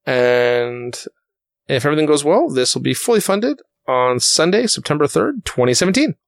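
A man's voice: on the high side, expressive, moderate pace, gravelly, dry recording. Man hosting a rambling podcast chat. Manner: rambling with fillers and restarts. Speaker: podcast host.

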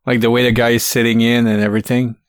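A man's voice: medium pitch, level tone, fast, smooth, no echo, clean studio sound. Man joking around as podcast co-host. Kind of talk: casual podcast chat.

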